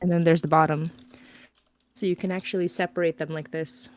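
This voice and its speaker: A woman horror writer, appearing as a podcast guest, rambles cheerfully through a casual livestream chat, laughing a lot. Her lowish voice moves little in pitch, and she speaks fairly quickly.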